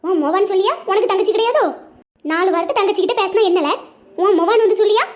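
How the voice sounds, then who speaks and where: A woman's voice: very high-pitched, fast, darkish tone. A woman voicing a nagging older mother-in-law in a cartoon, scolding in a Tirunelveli Tamil accent. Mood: bossy. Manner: scolding, bossy. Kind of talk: cartoon voice acting.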